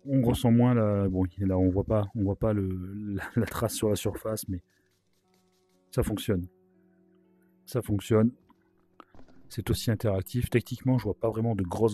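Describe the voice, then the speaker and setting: A man with a sore throat and a worn-out, hoarse voice gives chatty, casual commentary as he plays a video game, with wry asides. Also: on the low side, mellow, no echo. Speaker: gaming video host.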